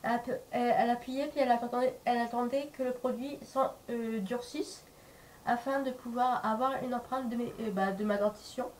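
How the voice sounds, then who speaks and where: A woman with a slightly high voice keeps a steady tone and moderate pace as she vlogs to camera while sick with a cold, congested and sore-throated. Her casual chat is hesitant and meandering, and she gropes for words. Faint noise and a distant mic mark the recording.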